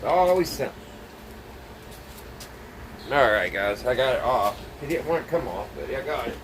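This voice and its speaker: A folksy DIY vlogger speaks at medium pitch and a moderate pace, casually narrating hands-on work and thinking out loud for his audience. His phone camera is set apart from him, making the audio distant, noisy and steadily humming.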